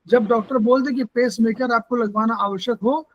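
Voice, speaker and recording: A man's voice: very high voice, fairly even intonation, moderate pace, muffled recording. A man teaching acupressure over a video call, firmly correcting and directing students to points. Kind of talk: instructive explanation.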